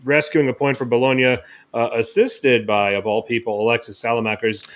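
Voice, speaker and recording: A man's voice: mid-range voice, level tone, brisk. Man rambling through football recaps. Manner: rambling recaps with many fillers and restarts. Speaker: podcast host. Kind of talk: casual football podcast chat.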